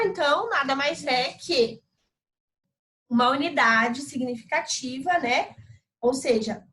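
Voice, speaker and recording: High-voiced Brazilian woman teaching a class. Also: a bit bright, poor audio. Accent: Brazilian Portuguese. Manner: explaining step by step, with frequent tag questions. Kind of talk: recorded online class lecture.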